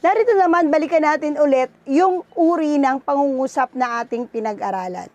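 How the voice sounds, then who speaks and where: A woman's voice: sits high, fairly quick, a little mellow, no echo. A woman teacher with a Filipino accent, giving a lesson and checking in with her pupils with frequent "no?" and "okay?". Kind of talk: online class lesson.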